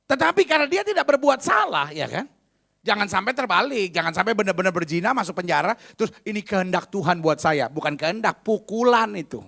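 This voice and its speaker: A man's voice: very high-pitched, creaky, bright, forceful tone, husky. A male pastor preaching a sermon in a conversational, humorous, emphatic way.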